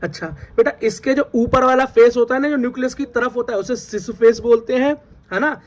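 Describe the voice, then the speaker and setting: A man's voice: extremely high pitch, steady tone, brisk, a little mellow. A man teaching biology in Hindi, who quizzes students by repeating key terms as questions and calls them "beta". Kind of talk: classroom lecture.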